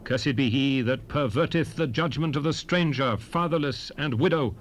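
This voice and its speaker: A man playing a solemn prophet, reciting scripture in a measured, declamatory way for a dramatized Bible recording. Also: medium pitch, natural voice. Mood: solemn, stern. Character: solemn male prophet proclaiming blessings and curses. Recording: hissy 1970s cassette recording.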